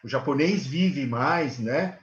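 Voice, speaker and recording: A man, a guest in a live interview, speaking earnestly and haltingly with many fillers. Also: mid-range voice. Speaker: guest, elder care manager. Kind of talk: live video call interview. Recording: echoey, dull video call audio.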